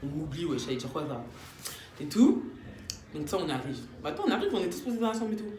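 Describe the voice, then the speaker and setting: Animated young woman telling a story. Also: low voice, fast talker. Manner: animated, slangy, acts out quotes. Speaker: vlogger. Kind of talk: casual storytime. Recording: echoey room.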